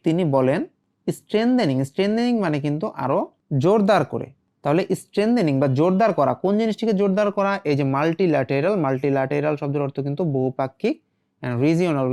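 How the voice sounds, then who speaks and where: A man's voice: a little high, gravelly, warm tone. A man teaching an English lesson, reading English phrases and explaining them, often asking himself questions and answering them. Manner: reads English phrases then glosses them.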